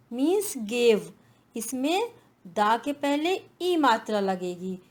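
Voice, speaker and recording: A woman teaching children in an online class, explaining letter sounds patiently and drawing each one out. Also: on the high side.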